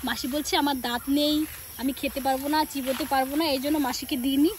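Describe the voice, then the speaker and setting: A high-pitched woman chats to her viewers while walking home through a village, with a phone in her hand. She has a sore throat and coughs, and she acts out her family's lines as she talks. Crickets and insects chirp faintly behind her. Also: fairly even intonation, brisk, slight background noise. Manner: chatty, speaks straight to viewers and acts out family dialogue. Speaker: village lifestyle vlogger.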